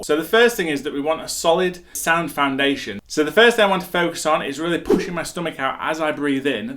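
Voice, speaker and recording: Guy teaching sax, friendly and upbeat, walks you through it step by step, mid-pitched voice. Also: sharp tone. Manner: upbeat, encouraging, talks viewers through each step. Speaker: saxophone teacher. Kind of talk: hands-on music lesson.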